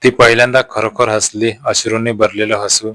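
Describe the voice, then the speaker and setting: Low-voiced, even male storyteller. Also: normal speed, no echo. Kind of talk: first-person story narration.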